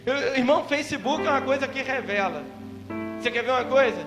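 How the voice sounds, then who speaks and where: A man's voice: extremely high pitch, a little fast. A man with a Brazilian accent preaching a sermon as pastor, in a conversational style that acts out quoted voices and calls for amens. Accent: Brazilian Portuguese. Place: church hall. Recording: roomy church sound with instrument music behind.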